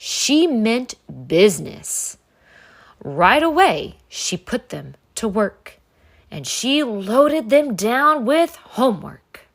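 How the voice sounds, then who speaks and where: A woman narrating a children's storybook in an expressive read-aloud style. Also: a little high, takes it slowly. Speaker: storybook reader.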